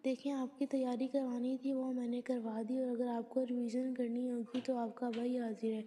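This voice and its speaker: A woman retelling the plot of a TV drama episode scene by scene, reading the characters' lines in a plain recounting way. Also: on the high side. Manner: plain recounting with quoted lines read flatly. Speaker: drama episode recap narrator. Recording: long hall reverb.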